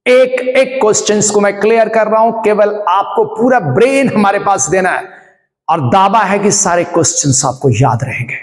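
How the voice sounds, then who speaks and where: High-voiced Hindi-accented man teaching English. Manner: repeats each phrase, translates English into Hindi, drawn-out exclamations. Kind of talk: exam-prep lesson in Hindi and English. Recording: echoey hall with long reverb.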